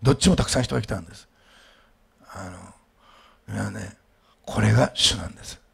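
Gravelly-voiced male pastor preaching. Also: lowish voice, a little fast. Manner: swings from quiet storytelling to loud emphatic preaching. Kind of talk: sermon.

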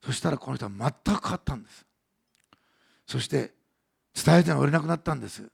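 A man preaching a sermon as pastor, earnest, moving between soft hushed passages and raised emphatic lines. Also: mid-range voice, lively intonation, a little fast, vocal fry, breathy edge.

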